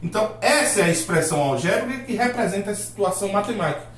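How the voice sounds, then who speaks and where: A man's voice: high-pitched, lively intonation, rapid-fire, fairly bright tone, slight background noise. A man teaching a math lesson, asking rhetorical questions and acting out his students' replies. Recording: roomy echo.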